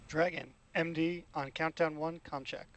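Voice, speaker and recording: Higher-voiced man on astronaut radio loop. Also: steady tone, a little slow, fairly bright tone. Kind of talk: astronaut radio com check, terse procedural calls. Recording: faintly noisy radio com loop.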